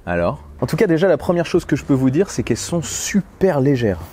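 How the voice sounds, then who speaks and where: A man's voice: fairly high pitch, big pitch swings, fairly quick, dark tone, slight background noise. A man with a French accent, chatting through a casual unboxing vlog outdoors next to a road, recorded on a lapel mic. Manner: chatty and playful, musing aloud. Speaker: tech vlogger.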